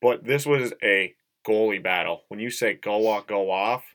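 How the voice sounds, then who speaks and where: A man with a slightly low voice chats about the games on a casual podcast. He jokes a lot and laughs at his own lines. He grew up in the Upper Midwest. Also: moderate pace, a bit bright. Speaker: podcast co-host. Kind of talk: casual sports chat.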